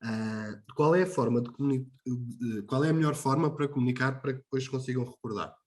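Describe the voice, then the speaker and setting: A man with a European Portuguese accent hosts the session and puts questions to his guest. His voice is mid-pitched, and he speaks hesitantly, stopping to find the right words. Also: brisk, darkish tone. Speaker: session host. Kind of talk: moderating a talk session.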